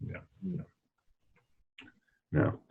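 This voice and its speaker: On a panel, a male librarian reads reviews aloud and chats informally, speaking extremely slowly. The lo-fi recording sounds dull and muffled, with slight background noise.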